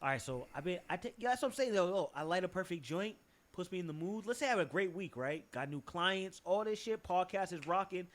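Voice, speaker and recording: Animated young man with a Boston accent, swearing. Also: sits high, fairly quick. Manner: animated, swearing, jumps from topic to topic. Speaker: podcast co-host. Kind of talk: casual chat.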